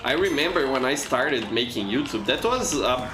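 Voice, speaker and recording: This live streamer, a Brazilian man with a Brazilian accent whose mother tongue is Portuguese, plays a shooter and chats easily with his audience at a normal speed. His voice is medium-pitched and expressive, and his manner is encouraging, with frequent repeated words. Background noise, game music and a roomy echo fill the recording.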